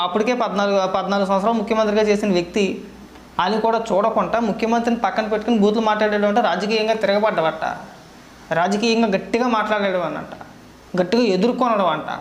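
Rapid and high-pitched, a male commentator fires off sarcastic rhetorical questions in a scolding political monologue. The voice rings in an echoey room with a faint hiss behind it. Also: steady tone.

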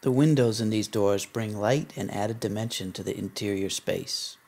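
A man reading a scripted promotional voice-over in an even, measured way. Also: lowish voice, slight background noise. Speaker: narrator.

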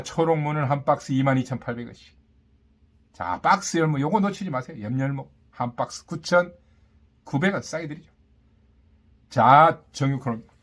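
A man working as a market vendor, calling out prices and specials in short, repetitive, boastful sales patter. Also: fairly bright tone. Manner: hawking pitch, repetitive, punchy short phrases with boastful catchphrases. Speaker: market vendor announcing produce and meat prices.

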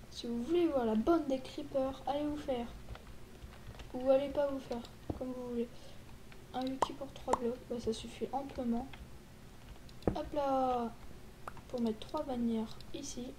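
High-voiced woman, playful game commentary. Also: slow, pauses often. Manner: playful, joking, excitable outbursts. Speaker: gaming YouTuber. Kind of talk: casual gameplay commentary. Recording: loud background noise.

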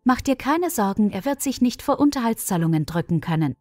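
A loyal, protective young woman with a fiery streak , as a female reader plays her. She speaks bluntly and encouragingly, and her pitch moves a lot. The recording is dry and close. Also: big pitch swings, a little fast, a little mellow, no echo, soft background music. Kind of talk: storybook reading.

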